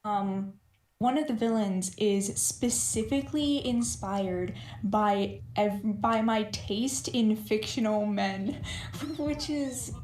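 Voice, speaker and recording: A woman's voice: mid-range voice, slow pace, a little mellow. A woman who is a guest on a casual livestream, talking in a gushing, enthusiastic way. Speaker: guest streaming with the host. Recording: roomy with faint music.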